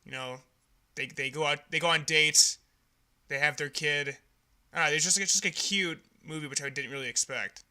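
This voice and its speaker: A man's voice: on the high side, moderate pace, bright, forceful tone. A young man co-hosting a podcast, chatting frankly and casually about a film and laughing often. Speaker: podcast co-host. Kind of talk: casual movie review chat.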